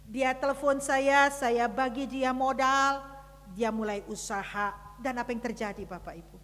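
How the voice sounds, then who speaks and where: A woman preacher tells a story to her congregation, talking to them directly and swinging from hushed to loud. Her voice is very high and sharply bright. It rings out with the long reverb of a church hall. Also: fairly even intonation, normal speed. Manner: dramatic storytelling with big swings in loudness. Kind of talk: sermon. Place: church service.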